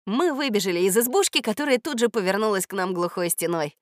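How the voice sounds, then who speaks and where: A woman reading a children's storybook aloud as scripted narration, even and expressive. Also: medium pitch, quick pace, dry recording, studio quality. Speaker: audiobook reader.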